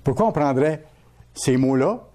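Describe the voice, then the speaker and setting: A man's voice: a little high, animated, measured pace, warm tone. A man preaching a sermon as a pastor, teaching by repeating key words and asking his listeners questions.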